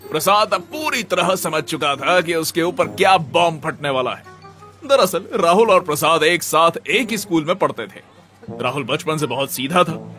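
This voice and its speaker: A man narrating a scripted audio story in a measured, dramatic way. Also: a little high, sharp tone.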